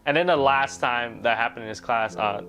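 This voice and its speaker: Young guy vlogging about school, rambly, keeps saying right?, medium voice, soft music behind. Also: medium pitch, brisk. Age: young adult. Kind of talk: casual vlog Q&A storytelling.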